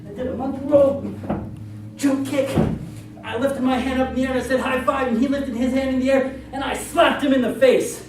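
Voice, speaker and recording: A person telling a tall tale to a live audience in an animated way, acting out bits of dialogue as they go. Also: high voice, fairly quick. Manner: animated, acts out dialogue and moves. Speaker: contestant in a storytelling contest. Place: live event room with an audience. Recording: very echoey, noisy room, distant mic.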